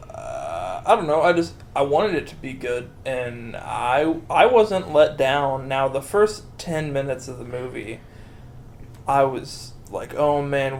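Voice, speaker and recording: Gravelly man joking on a film podcast. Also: medium pitch, slight background noise. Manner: joking, crude, drawn-out phrasing. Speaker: podcast co-host. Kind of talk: casual film podcast banter.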